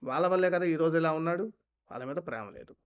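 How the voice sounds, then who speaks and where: A man's voice: a little high, quick pace, clear, resonant tone. A man with a slightly raised voice rebuts a clip, scornful and indignant. He fires off rhetorical questions, and the recording sounds dull and lo-fi. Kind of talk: critical commentary.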